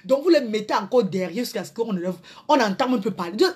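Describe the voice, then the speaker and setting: A woman doing a live rant to her followers, theatrical, slipping into mock crying and swinging from loud outbursts to hushed asides. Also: on the high side, expressive, fast talker, slightly rough. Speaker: social media personality.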